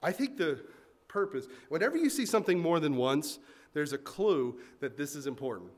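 A man as a pastor preaching a sermon in a lively, conversational way, with asides to the congregation. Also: a little high, moderate pace.

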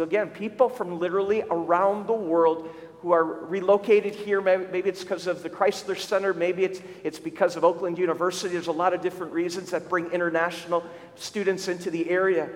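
A male pastor giving a conversational sermon with church updates, often restarting and repeating words. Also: high-pitched. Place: church sanctuary. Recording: long church reverb.

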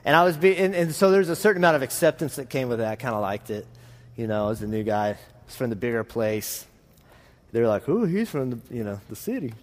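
Preaching to a congregation in a big, echoing room, a Texan man with a rural drawl speaks fast in a steady, mid-range voice. His sermon is conversational and anecdotal, with a rambling, folksy, self-mocking style, and the audio carries the reverb of the hall.

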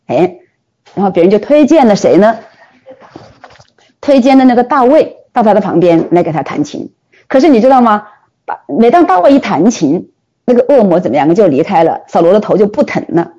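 A woman preacher giving a sermon, telling the story with animated delivery and frequent rhetorical questions. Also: mid-range voice, a little fast, lo-fi sound.

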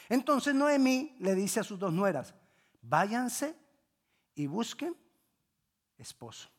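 A Bible class teacher retelling a scripture story, repeating phrases for emphasis, correcting slips mid-sentence and quizzing the class. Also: medium pitch. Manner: repetitive, emphatic teaching, asks the class questions.

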